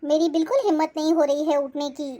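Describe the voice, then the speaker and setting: Cartoon young wife, sick and dutiful, soft polite tone, very high voice, from a woman. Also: level tone, fast talker, natural voice. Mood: weary. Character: sick young daughter-in-law, gentle and dutiful.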